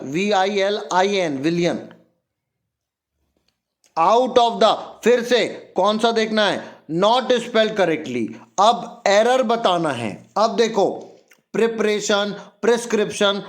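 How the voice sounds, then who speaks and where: A man teaching an exam-prep grammar lesson, spelling words letter by letter and quizzing his students. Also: high-pitched. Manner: explains patiently, spells words letter by letter, asks students questions.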